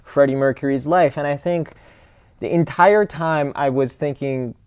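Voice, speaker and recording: Relaxed young man, dry close sound. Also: a little high, unhurried, clear, resonant tone, dry recording. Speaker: podcast co-host. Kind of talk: casual chat.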